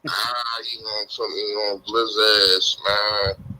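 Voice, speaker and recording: Guy on speakerphone, just woke up, flat low voice, sounds far away from the mic. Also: takes it slowly. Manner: drowsy, just woken up. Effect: heard over a phone on speakerphone. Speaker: caller. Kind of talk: casual chat.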